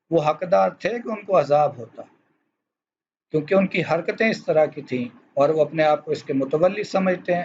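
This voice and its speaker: A man teaching a school class, explaining verses in a formal, measured way and addressing his students directly. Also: fairly high pitch. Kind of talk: recorded classroom lecture. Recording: dull lo-fi recording with faint noise.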